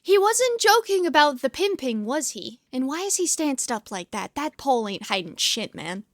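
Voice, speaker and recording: Very high, cute anime streamer woman. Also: moderate pace. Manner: excitable, amused, incredulous. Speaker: streamer reacting to a video. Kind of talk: casual live reaction commentary.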